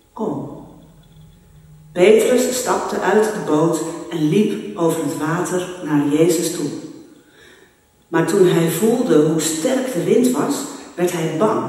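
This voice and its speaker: Slow solemn man in echoey church. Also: high-pitched, warm tone. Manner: slow, measured, solemn reading. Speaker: worship leader reading scripture. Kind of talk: church prayer and Bible reading. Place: large church. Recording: echoey church hall, mic far off.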